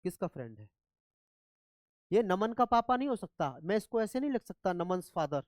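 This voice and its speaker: A man's voice: high-pitched, lively intonation, brisk, no echo. A man teaching English grammar in a classroom lecture, often checking whether students follow. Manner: asks students repeatedly if they follow.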